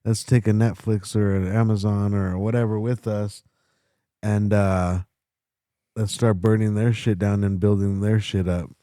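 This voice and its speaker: A man's voice: lowish voice, level tone, a little slow, mellow, no echo, studio quality. A man hosting a casual podcast, rambling and swearing in a laid-back way. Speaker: podcast host. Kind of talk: casual chat.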